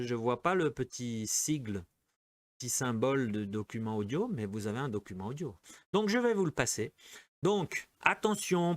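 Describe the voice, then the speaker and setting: A man teaching an online French class, slowly explaining an exercise and often checking in with his students. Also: a little high, dry recording. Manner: slow, keeps checking in with "d'accord?" and "ok?".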